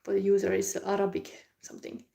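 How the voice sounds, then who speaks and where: A woman reads tarot cards live, her voice mellow and warm at a middling pitch. She talks in a soft, musing way, pausing on hums and restarting her phrases as she turns each card. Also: monotone, creaky. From Finland. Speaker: tarot reader.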